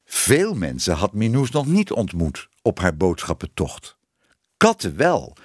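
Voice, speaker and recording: Expressive male storybook narrator. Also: on the low side, a little slow, breathy edge, no echo, studio quality. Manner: expressive, varied reading. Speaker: audiobook narrator. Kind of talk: scripted narration of a children's book.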